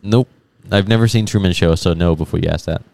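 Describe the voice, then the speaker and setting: A man co-hosting a casual podcast chat, loud and emphatic as he rants about what he dislikes. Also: low-pitched, fast talker, vocal fry, no echo. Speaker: podcast co-host.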